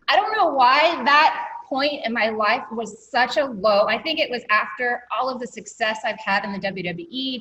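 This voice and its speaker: A woman's voice: mid-range voice, fairly bright tone, poor audio. Candid woman telling her life story. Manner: candid, many ums, gets choked up. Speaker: interview guest. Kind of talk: reflective personal storytelling.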